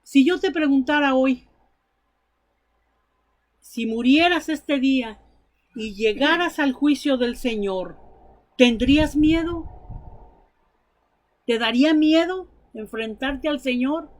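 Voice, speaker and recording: A woman's voice: high voice, slow pace, long pauses. A woman preacher delivering a sermon, telling Bible stories and her own testimony in an earnest, emphatic way.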